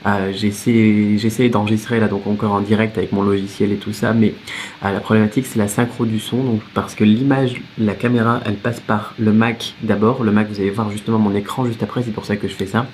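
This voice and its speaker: A man who teaches languages, talking casually to camera in a vlog, chatty and lively with many fillers and restarts. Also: on the low side, brisk, a little hiss or hum. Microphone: separate microphone.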